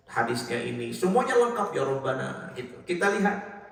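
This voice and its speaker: A middle-aged man preaching in a mosque, telling stories lively and often addressing his listeners directly. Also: mid-range voice, normal speed, gravelly. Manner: lively storytelling, addresses listeners as Pak and Bapak Ibu. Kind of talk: mosque religious lecture. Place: mosque hall. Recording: very echoey hall, mic far off.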